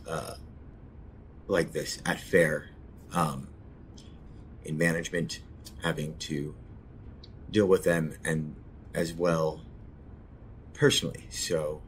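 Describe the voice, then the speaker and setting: A man talks slowly in a very deep voice, halting and soft-spoken with frequent pauses as he hosts his own show. A faint low rumble sits under the recording. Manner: hesitant, soft-spoken, many pauses and fillers. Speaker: podcast host. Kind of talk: casual spoken introduction.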